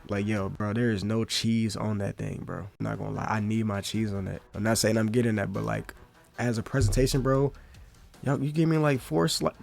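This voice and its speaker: Gravelly young man rambling in slang. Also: fairly low pitch, steady tone, fairly quick, darkish tone, soft background music. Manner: rambling, slangy, lots of "bro" and "like". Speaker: commentary YouTuber. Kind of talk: casual commentary.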